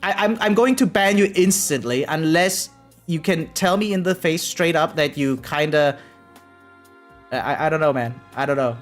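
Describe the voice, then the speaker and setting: Over faint background music, a male variety game streamer with a slightly high voice talks at normal speed to his viewers. His casual chat rambles and repeats, full of slang and swearing, and he often adds a tag question like "right?".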